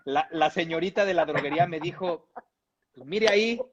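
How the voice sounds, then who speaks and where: A man's voice: a little high, fairly even intonation, a little fast. A man from Mexico reading a humorous text aloud in a playful, amused way, with chuckles now and then. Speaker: reader. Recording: dull lo-fi audio.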